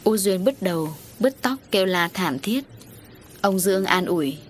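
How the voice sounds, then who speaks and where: A woman narrating an audio story in a steady, even storytelling voice. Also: medium pitch, moderate pace, slight background noise. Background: faint music.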